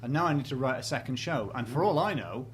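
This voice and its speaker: A man's voice: mid-range voice, animated, fast talker, slight background noise. A young man from County Durham, a comedian telling rambling, self-deprecating stories in a live interview before an audience. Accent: light northeast English. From County Durham, England. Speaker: comedian guest. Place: small venue with live audience.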